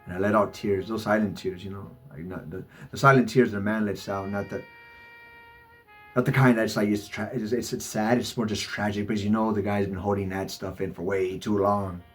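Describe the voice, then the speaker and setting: A man with a fairly low voice talks through a confessional vlog, stumbling and repeating his words as he goes. Faint music plays under him. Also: fairly even intonation. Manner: halting, many stammered repeats. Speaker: vlogger. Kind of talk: personal confessional monologue. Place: Los Angeles.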